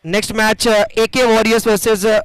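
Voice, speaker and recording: A man gives live cricket commentary and announcements in a dramatic, flowery manner with drawn-out emphasis. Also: high-pitched, level tone, clean tone, no room sound, rough recording.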